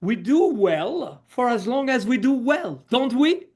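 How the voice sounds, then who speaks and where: His voice is very high-pitched and very animated yet measured in pace, with a darkish, husky tone. He is a middle-aged Swiss social coach, a guest on a conversational podcast, reflecting on his story with plenty of "you know"s.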